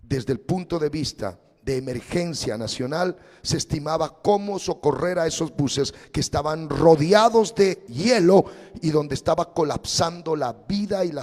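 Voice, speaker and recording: Man, pastor, dramatic sermon storytelling, loud then hushed, fairly high voice, long hall echo.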